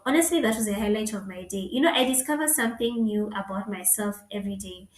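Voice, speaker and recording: A woman's voice: mid-range voice, fast talker, roomy sound. A woman in her thirties with a Kenyan accent, hosting her own podcast in a chatty, playful solo talk with joking asides. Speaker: podcast host. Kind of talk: casual solo podcast chat.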